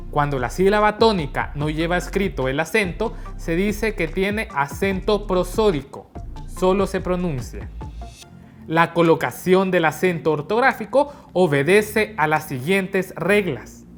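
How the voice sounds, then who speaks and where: Slow-paced woman teaching a lesson. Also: on the low side. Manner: slow, carefully spelled-out teaching. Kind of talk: slow scripted lesson narration. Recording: soft background music.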